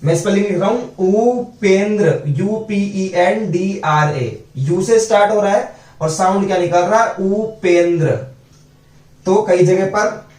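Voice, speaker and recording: High, slow-speaking male teacher, echoey. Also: darkish tone. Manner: slow, repeats sounds and asks students questions. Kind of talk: phonics lesson. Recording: echoey room, voice from a distance.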